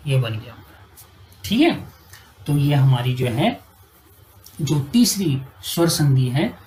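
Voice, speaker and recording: A woman's voice: deep voice, slight background noise, poor audio. Woman teaching grammar at a whiteboard. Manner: often adds "ठीक है" to check understanding; asks students questions and answers them herself.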